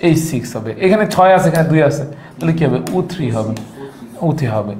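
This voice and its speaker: A man's voice: on the high side, lively intonation, quick pace, darkish tone, echoey room. A man teaching a biology lecture to students, asking questions and answering them himself, with English words mixed into his Bengali. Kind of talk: recorded classroom lecture.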